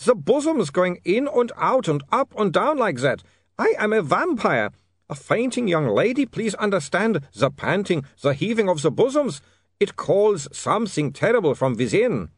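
In an audiobook, a man voices an anguished, polite male vampire, wailing and trembling through a melodramatic, pleading delivery. The exaggerated voice sits high, above his own natural pitch, very animated at a moderate pace and slightly rough, in a dry, clean studio recording.

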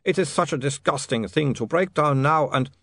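A man performs an ashamed, anguished vampire for an audiobook, polite and melodramatic, his voice trembling and wailing as he pleads. He pitches it above his natural range, fairly high and a bit bright, at normal speed, in a clean studio recording with no room sound.

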